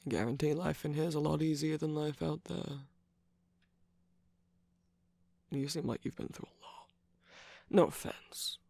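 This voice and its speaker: In a scripted ASMR romantic roleplay, a performer plays a smug, seductive villainous cookie radio host, speaking slowly in a coaxing, teasing way. The mid-range voice is mellow, breathy and gravelly, frequently dropping to a whisper, recorded dry on a close microphone.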